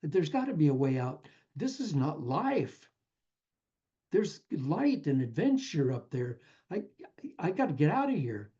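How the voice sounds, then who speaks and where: A man voicing a desperate man stuck in a deep hole, pleading urgently for help in a spoken parable. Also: big pitch swings, a little slow, dark tone, dull audio. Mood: determined.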